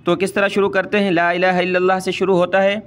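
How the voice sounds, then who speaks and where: A man teaching Quran recitation, drawing out words slowly and explaining each sound in quick asides. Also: high-pitched, monotone, a bit bright, clean tone.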